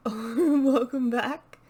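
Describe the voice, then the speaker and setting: A woman with a high, mellow voice and a breathy edge speaks extremely slowly. She's hosting a video channel and chatting about books to the camera, casual and unscripted, hesitating and thinking aloud as she goes.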